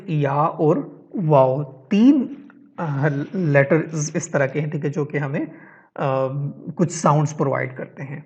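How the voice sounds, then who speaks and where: A man's voice: on the high side, darkish tone. Man teaching a step-by-step reading lesson, lo-fi. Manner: explains step by step, checks in with "theek hai?"; mixes English words into his teaching. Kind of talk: online tajweed lesson.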